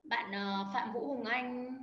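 Woman teacher on a video call, kinda high voice, explains stuff step by step, roomy echoey sound. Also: steady tone, slow. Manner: explains step by step, calls on students by name. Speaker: Korean language teacher. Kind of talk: online class lesson. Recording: echoey, dull lo-fi audio with faint noise.

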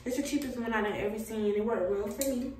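A woman's voice: on the high side, fast, darkish tone, echoey room, far from the mic, a little hiss or hum, poor audio. A young woman vlogging at home in a casual, chatty way, tired and a little out of breath. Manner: laid-back, chatty, Southern US slang. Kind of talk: casual chat to camera.

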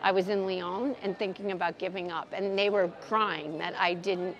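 A woman's voice: on the low side, steady tone, moderate pace, fairly bright tone, highs cut off. A woman in her sixties from Massachusetts, answering a street interview in a big stone square and speaking earnestly and with feeling. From Massachusetts, United States. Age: 60s. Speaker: pilgrim interviewee. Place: large stone city square outdoors.

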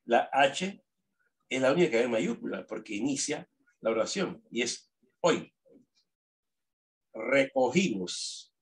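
A male teacher giving a remote lesson. He speaks slowly and with emphasis, and he keeps asking "¿verdad?" to check that students follow. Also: mid-range voice, lively intonation. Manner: repeats "¿verdad?" often, slow emphatic dictation.

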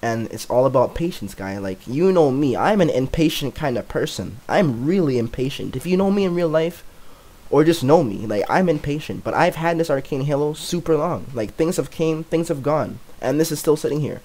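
A man's voice: fairly high pitch, lively intonation, normal speed, dark tone, poor audio. A young man giving casual gameplay commentary for his channel, rambling with "like" everywhere and chuckling often. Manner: filler-heavy rambling, "like" everywhere. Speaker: gaming YouTuber.

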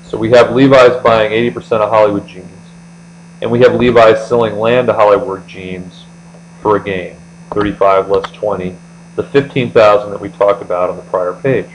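An American accounting tutor delivers a methodical, step-by-step explanatory lecture in a lowish voice at a moderate pace. It's recorded indoors as a screen-recording voice-over. The quality is low, and a mains hum hums steadily in the background.

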